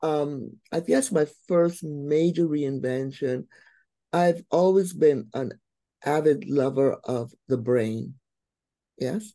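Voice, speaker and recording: An older woman from Barbados, a guest on a radio interview, telling her story in a lively, humorous way. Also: sits low, takes it slowly, dry recording. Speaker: guest, brain and behavior coach.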